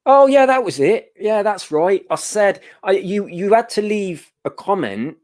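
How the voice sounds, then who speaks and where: A man's voice: high-pitched, lively intonation, a little slow, darkish tone. Guy reading out chat on a livestream, laughy and rambling, middle-aged. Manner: chatty, reads out and answers viewer comments; laughing, jokey storytelling. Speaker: giveaway livestream host.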